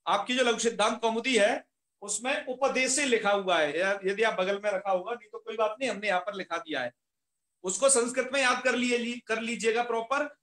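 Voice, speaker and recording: A man teaching an online class in a high, bright voice. He explains patiently, repeating each key term and posing questions he then answers. The sound carries a noticeable room echo. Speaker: Sanskrit grammar teacher.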